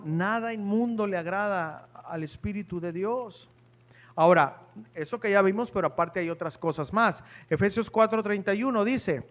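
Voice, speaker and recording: High-voiced preacher man. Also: fairly bright tone. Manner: conversational, asks the congregation questions. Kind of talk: sermon. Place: church.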